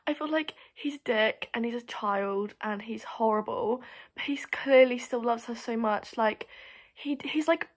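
A woman's voice: fairly high pitch, a little slow. A young woman chatting casually about books in a reading vlog, gushing and filling her talk with "like". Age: young adult. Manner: chatty, gushing, heavy use of "like". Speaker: book vlogger.

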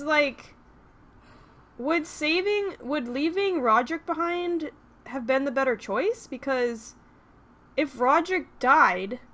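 A woman's voice: high-pitched, a bit bright. A woman giving emotional, exclaiming commentary as she plays a story game. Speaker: let's play host. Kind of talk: gaming commentary. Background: game music.

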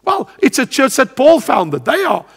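A man in his sixties teaches a Bible study, his fairly high voice swooping up and down with lively inflection. He talks with animated energy and plenty of ums and uhs, and his words carry a long reverb tail as if in a big hall. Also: moderate pace, breathy edge. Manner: animated, gestures broadly at a pulpit, frequent filler sounds. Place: studio with a world map backdrop, standing at a lectern.

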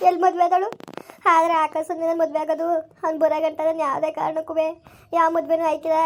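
A woman's voice: very high-pitched, level tone, fast. A woman acting a village mother who pleads with and scolds her soldier son. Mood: pleading. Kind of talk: village family drama acting.

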